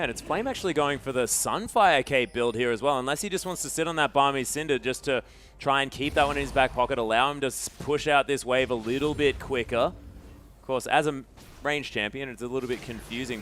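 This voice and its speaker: Bright excitable esports caster man. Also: fairly quick, slight background noise. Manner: excitable, rises loud and high during fights. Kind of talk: live esports commentary.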